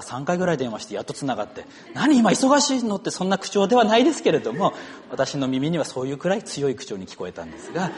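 A middle-aged man, a pastor, praying formally and then preaching a sermon with storytelling. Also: mid-range voice. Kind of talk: church prayer and sermon.

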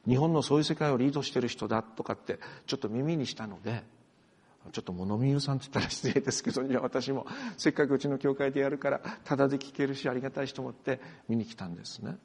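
Male pastor, sermon, husky voice, lively pitch swings, long church reverb. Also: quick pace. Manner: animated, swings from soft to emphatic.

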